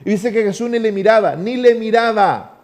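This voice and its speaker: A male Argentine pastor preaching with a noticeably high voice. His tone is mellow and dark rather than bright, and he stretches key phrases slowly before letting them fall low and soft. He speaks with an Argentine Spanish accent. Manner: emphatic preaching with slow, drawn-out phrases that drop to low, quiet endings. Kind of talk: sermon.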